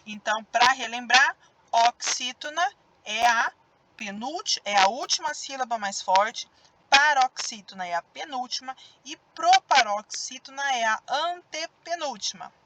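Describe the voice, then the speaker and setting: A woman's voice: fairly high pitch, unhurried, bright, forceful tone, slight background noise, rough recording. A woman teacher with a Brazilian Portuguese accent giving a recorded grammar lesson for children, drawing out stressed syllables as she demonstrates words.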